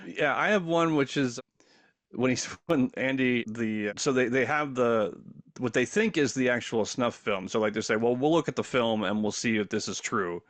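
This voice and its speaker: Chuckling podcast host, dry sound. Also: male voice, mid-range voice, moderate pace, no room sound. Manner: animated retelling, chuckles between phrases. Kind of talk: casual podcast chat.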